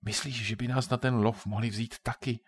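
A man voicing a naive young boy in a children's audiobook, talking eagerly and a bit too loudly. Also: medium pitch, steady tone, breathy edge, lightly acted. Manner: eager, a bit too loud, then shaky.

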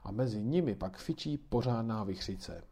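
A man's voice: lowish voice, expressive, warm tone, breathy edge. A man reading aloud and voicing a kindly grandmother who patiently explains things to children. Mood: patiently explaining.

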